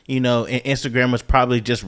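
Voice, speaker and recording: A man co-hosting a podcast, chatting in an easygoing, reflective way and often filling in with a quick "mm-hmm.". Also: medium pitch, smooth. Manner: easygoing, reflective, steady backchannel. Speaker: podcast co-host. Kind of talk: casual chat.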